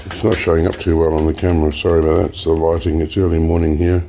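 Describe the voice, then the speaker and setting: A man with a low, mellow, creaky voice talks fast as he demonstrates on his e-waste recycling channel. He's casual and relaxed, explaining while he works with lots of fillers and restarts, a little hoarse and clearing his throat at times.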